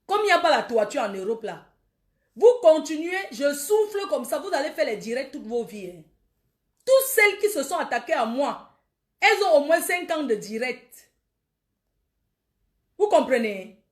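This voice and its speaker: A woman's voice: high-pitched, big pitch swings, moderate pace, pauses often. A woman, ranting defiantly and taunting her critics on a Facebook live video. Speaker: social media livestreamer.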